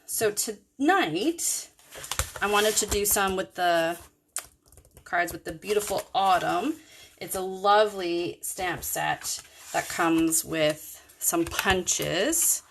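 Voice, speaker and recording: Woman with the hiccups, casual card-making demo, low and unhurried. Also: creaky, noisy background. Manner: chatty, rambling, self-correcting. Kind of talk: casual craft tutorial.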